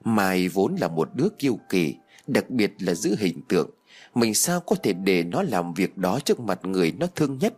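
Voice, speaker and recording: A man narrating an audio story in an expressive storytelling manner. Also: low-pitched, moderate pace, slightly rough.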